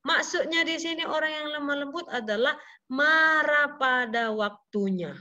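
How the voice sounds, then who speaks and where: A woman's voice: sits high, lively intonation, normal speed, sharp tone. A woman explaining a Bible verse earnestly, repeating key points and asking her listeners questions. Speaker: Bible teacher. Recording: muffled lo-fi recording.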